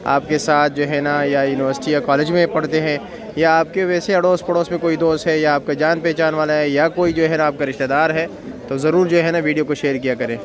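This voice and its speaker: A man's voice: a little high, flat delivery, fairly quick. A man with a Pakistani accent vlogging market prices, questioning vendors and repeating figures. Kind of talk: spoken market vlog with short vendor exchanges. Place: outdoor wholesale vegetable market. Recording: busy outdoor market crowd and birds. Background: crowd chatter, birdsong.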